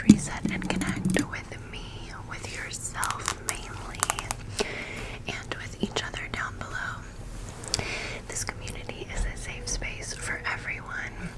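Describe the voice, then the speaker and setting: A woman whispers unvoiced ASMR chat right into a close microphone with a fluffy cover. Her delivery is slow and drawn out, and she lingers on repeated words. Her voice sits at a middling pitch beneath the hush. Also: low-quality recording. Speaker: ASMR channel host.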